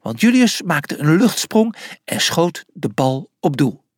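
A storyteller reading a children's animal adventure aloud with lively expression. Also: medium pitch, slow, no echo, studio quality.

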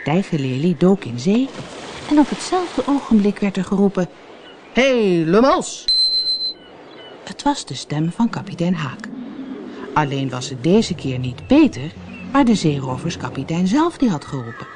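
An expressive reader narrating a children's storybook, with faint background ambience. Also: mid-range voice, normal speed, noisy background. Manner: expressive, animated.

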